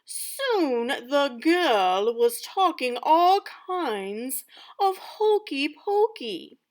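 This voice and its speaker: A woman playing a loud, theatrical wicked stepmother. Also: sits high, big pitch swings, drawn-out words, voice pushed up, exaggerated voice. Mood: exasperated. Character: dramatic haughty wicked stepmother, middle-aged woman.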